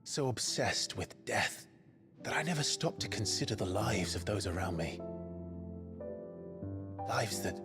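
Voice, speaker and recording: An actor playing a brooding, remorseful young ex-killer, measured and solemn, in a video game drama. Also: male voice, lowish voice, lively intonation. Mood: remorseful, resolute. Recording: game audio under clear music.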